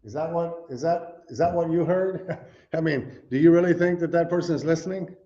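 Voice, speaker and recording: A middle-aged man preaches loosely and conversationally, often saying "you know" and putting questions to his audience, in a teaching sermon with slides. His voice is fairly high, brisk and mellow. He's in a church meeting room where the audience responds, captured on a dull lo-fi recording.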